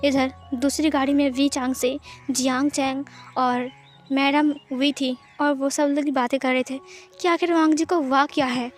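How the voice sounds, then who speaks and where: Woman storyteller, high voice, brisk narration, faint background music.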